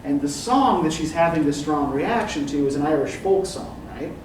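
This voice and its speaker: Here the professor's voice is again fairly high, expressive and moderately paced as he guides his literature class, tossing in "um" and frequent checks of "right?" Captured from afar, the audio has classroom echo and ambient noise.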